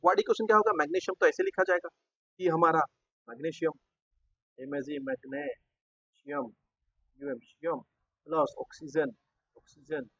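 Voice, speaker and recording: A man's voice: sits high, fairly bright tone, breathy edge, dry recording. A man teaching school science in speech, explaining step by step and often checking in with his students. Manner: explains step by step, repeats terms, frequent tag questions. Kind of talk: classroom lecture at a board. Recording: dull, dry lo-fi recording.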